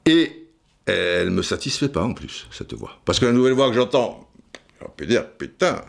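Rambling animated French podcast host. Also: male voice, lowish voice, moderate pace, gravelly. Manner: rambling and digressive, many restarts and asides. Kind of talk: casual storytelling monologue.

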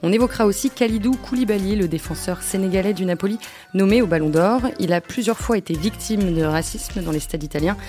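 A woman hosting a football podcast, introducing guests and topics in a clear, measured way. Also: medium pitch, warm tone, faint music behind. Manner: clear, measured presenting with a few fillers. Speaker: podcast host. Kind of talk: scripted podcast introduction and moderation.

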